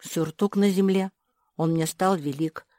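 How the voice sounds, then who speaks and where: A woman voicing a thoughtful male cat who speaks in a slow, measured way. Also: fairly low pitch, dark tone, no echo, clean studio sound, close to an everyday voice. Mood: calm.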